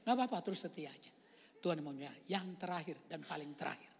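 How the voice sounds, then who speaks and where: Animated preacher man in a reverberant hall. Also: on the high side, fast, vocal fry, breathy edge. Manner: animated, swings from loud to hushed, acts out quoted voices. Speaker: pastor. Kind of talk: lively storytelling sermon. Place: church hall. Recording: long reverb of a large church hall.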